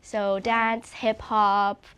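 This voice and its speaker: A woman's voice: medium pitch, flat delivery, drawn-out words, a bit bright, clean tone. A young woman from Hawaii, a recording artist being interviewed, talking earnestly and openly with a slightly congested voice. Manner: earnest, open, frequent "like". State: a little congested. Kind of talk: casual interview chat.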